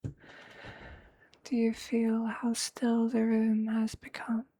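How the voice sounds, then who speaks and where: This whispered ASMR roleplay features a mid-range voice portraying a motherly vampire, tender yet possessive, whose formal, poetic lines come slowly, intimately and breathily. The delivery is completely flat, and there's no echo.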